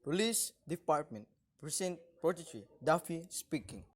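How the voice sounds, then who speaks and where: A woman playing an unhurried, dismissive police desk officer in a radio play, matter-of-fact and patronizing. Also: low voice, expressive, very noisy. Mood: flat, routine.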